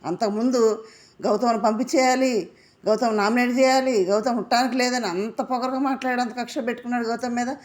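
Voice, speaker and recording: A woman's voice: on the high side, fairly even intonation, fast. A woman giving a casual episode analysis of a reality show, indignant and firing off rhetorical questions.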